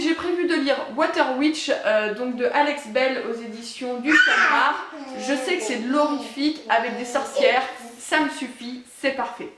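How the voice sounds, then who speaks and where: A woman's voice: high voice, noisy background. Chatty French woman in an echoey room. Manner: chatty, many hesitations. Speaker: book vlogger. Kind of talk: casual book haul chat.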